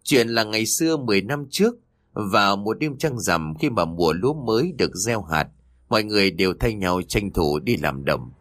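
A man narrates a ghost story with dramatic expression. His low, husky voice moves through a lively pitch range, recorded close and dry. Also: normal speed, dry recording. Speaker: audiobook narrator.

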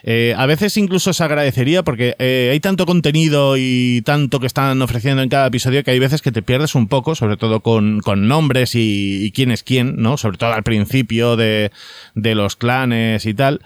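Smooth-voiced man chatting about TV. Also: medium pitch, normal speed, dry recording. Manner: rambling, with many fillers and restarts. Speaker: podcast co-host. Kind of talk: casual chat about TV series.

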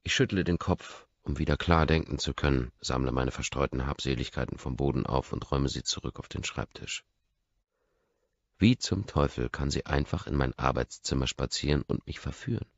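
A man's voice: very deep voice, gravelly, no echo. A man narrating a first-person audiobook in a brooding, intense inner-monologue manner, in a dull lo-fi recording.

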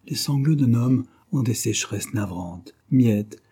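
A man reading a classic novel aloud as an audiobook narrator, measured and expressive. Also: mid-range voice, breathy edge.

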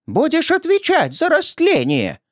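A man voicing a furious old woman who screeches threats in a shrill, drawn-out yell. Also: huge pitch swings, no echo, studio quality, exaggerated voice. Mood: vicious. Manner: drawn-out hysterical yelling.

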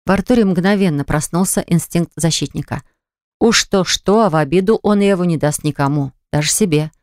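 An audiobook narrator reading scripted prose in an even, measured manner, recorded in a studio. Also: mid-range voice, no echo.

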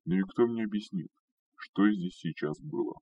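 A man voicing a shaken young male lord who shouts urgently, recorded distant and dull. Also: fairly low pitch, normal speed, husky, no echo. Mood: stern, probing.

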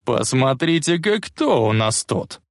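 A man reading aloud voices a drunk, brutish young bully with a slow snarl. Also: medium pitch, big pitch swings, a bit bright, no room sound, studio quality, pitched above the performer's own voice. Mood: mocking.

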